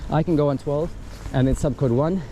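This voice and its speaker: A gadget reviewer with a fairly high-pitched voice walks through a casual, hands-on product demo outside, talking briskly step by step. The audio is poor, swamped by loud wind and outdoor background sound.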